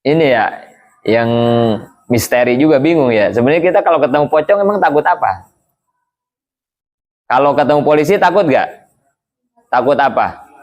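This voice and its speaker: A man's voice: fairly high pitch, lively intonation, moderate pace, long pauses, a little mellow. A man giving a casual religious lesson, chatting along and asking his listeners rhetorical questions over and over. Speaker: Islamic teacher.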